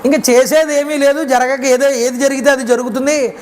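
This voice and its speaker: On temple grounds, a man with a Telugu accent gives a devotional Ramayana discourse, retelling the epic and voicing each character's lines. His very high-pitched voice is a little mellow and fairly even, moving a little fast. The recording has a reverberant hall sound and faint background noise.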